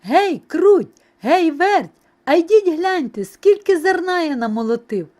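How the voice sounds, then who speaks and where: Woman voicing a high, calling storybook rooster. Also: big pitch swings, a little slow. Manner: calling out brightly. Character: hardworking patient male rooster. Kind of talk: storybook reading.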